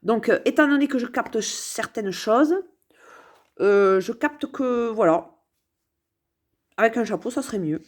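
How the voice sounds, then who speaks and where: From the sofa at home, a woman vlogger meanders through playful, casual musings to camera, full of hesitations and repeated words. Her fairly high voice has lively intonation, a slightly slow pace and frequent pauses.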